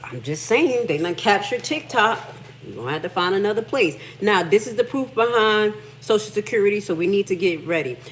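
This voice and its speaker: A middle-aged Haitian American woman hosts a livestream, reading text aloud and commenting on it casually and emphatically while swearing freely. Her mid-range voice is lively and fairly quick, with slight background noise.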